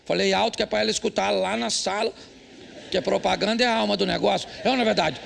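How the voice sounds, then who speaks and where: A man's voice: high-pitched, fairly even intonation, quick pace, creaky, a bit bright, a little hiss or hum. A man with a Brazilian Portuguese accent preaching a humorous sermon in church, telling stories and teasing husbands bluntly. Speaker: pastor. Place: church service.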